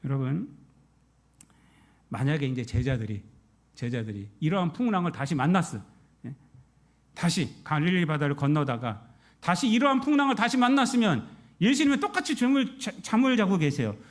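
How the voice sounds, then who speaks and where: A male pastor delivers a Sunday sermon in a high voice that leaps widely in pitch. He asks his congregation question after question. He drives key words loudly, then sinks to soft, low asides. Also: big pitch swings, normal speed, long pauses. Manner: preaches with rhetorical questions to the congregation; swings between loud emphatic peaks and soft low asides.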